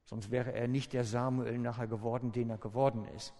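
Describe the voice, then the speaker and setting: A man giving a sermon in a relaxed, conversational storytelling way, with informal asides to his listeners. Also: medium pitch, a little fast. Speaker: preacher. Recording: echoey hall with long reverb.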